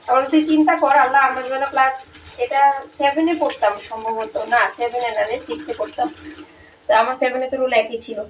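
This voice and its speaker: বাংলাদেশি বাংলা টানে কথা বলা ত্রিশের কোঠার এক নারী, যিনি বাড়ির রান্নাঘরে রান্না করতে করতে ধীরেসুস্থে গল্প বলেন।. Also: female voice, high voice, steady tone. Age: 30s. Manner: chatty, unhurried storytelling. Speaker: home cooking vlogger. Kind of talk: casual chat while cooking. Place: home kitchen. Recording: echoey kitchen, distant mic, background noise.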